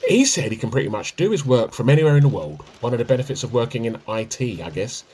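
In a domestic radio play, a male amateur actor plays a laid-back, evasive husband bad at keeping secrets, bantering in a relaxed, conversational way. He speaks quickly at a medium pitch with big pitch swings and a darkish, breathy tone.

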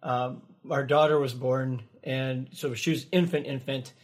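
A man's voice: mid-range voice, steady tone, measured pace. Chatty man co-hosting a podcast. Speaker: podcast co-host. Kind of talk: casual podcast banter.

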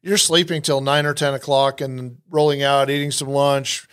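A man's voice: mid-range voice, flat delivery, moderate pace, fairly bright tone, smooth. A man hosting a casual podcast about hunting trips, talking in a rambling way with many restarts and fillers. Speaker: podcast host and hunting outfitter.

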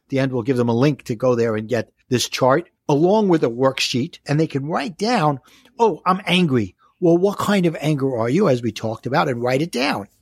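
Male life coach as interview guest, Brooklyn accent, raspy, explains in steps and asks his own questions. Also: mid-range voice, lively intonation, fairly quick, hardly any pauses, no room sound. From Brooklyn, New York. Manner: explains step by step with rhetorical questions and acted-out quotes.

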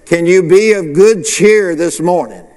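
A male pastor preaches a sermon in an unhurried, slightly mellow voice that sits high, with a long reverb tail. In preacherly call-and-response style, he asks the congregation rhetorical questions and answers them himself.

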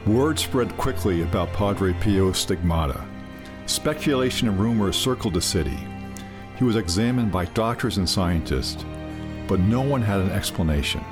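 An actor playing a storyteller who narrates a tale in a scripted audio drama. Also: male voice, fairly low pitch, lively intonation, normal speed, close to an everyday voice. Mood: solemn storytelling. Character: male storyteller recounting a tale to a companion. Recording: loud music under the voice.

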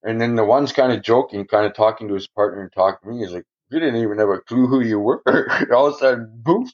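A man telling a long personal story in casual podcast talk, swearing a lot and chuckling as he rambles. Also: medium pitch. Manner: profane, rambling, chuckles often. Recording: dull lo-fi recording.

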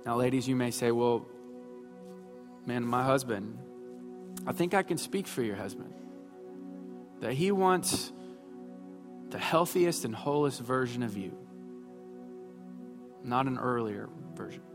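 A man's voice: mid-range voice, animated, slow, pauses often. A pastor in his thirties preaching a sermon, mixing self-mocking humor with emphatic points. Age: 30s. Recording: long hall reverb with faint music.

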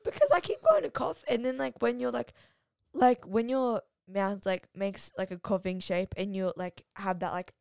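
A woman's voice: medium pitch, lively intonation, normal speed, gravelly, darkish tone, dry recording, studio quality. A young woman co-hosting a casual podcast with her father, chatty and giggly. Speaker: podcast co-host, daughter. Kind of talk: casual chat.

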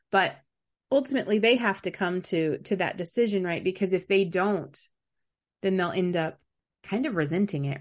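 A woman hosting a casual podcast interview, chatty and quick to laugh, lively when she quotes people. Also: lowish voice. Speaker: podcast host.

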